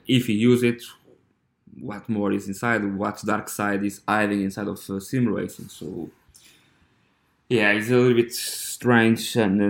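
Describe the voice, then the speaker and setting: Hesitant Portuguese-accented man, echoey room. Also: lowish voice. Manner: hesitant, halting, with many fillers and restarts. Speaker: podcast host. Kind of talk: casual monologue.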